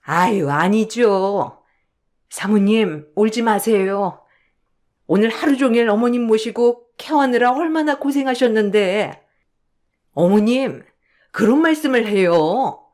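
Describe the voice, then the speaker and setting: Middle-aged caregiver, soothing, deferential, slow. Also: female voice, fairly high pitch, lively intonation, a little mellow.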